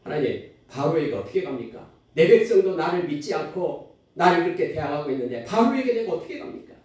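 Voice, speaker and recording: A man's voice: fairly high pitch, very animated, fast, a little mellow. A man voicing a distressed prophet pleading with God in a raised voice, recorded from a distance in an echoey hall.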